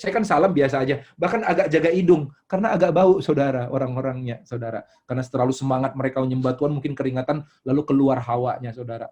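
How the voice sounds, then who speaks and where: A man preaching a sermon with an Indonesian accent, swinging from quiet asides to loud, emphatic bursts as he tells a story to his congregation. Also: medium pitch, breathy edge. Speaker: pastor.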